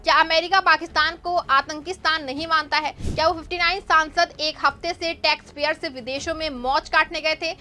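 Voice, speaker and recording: A young woman anchors a news program in a high voice, reading scripted political commentary. Her tone is bright and edged, and she makes her points with a sarcastic bite. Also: steady tone, fairly quick, hardly any pauses.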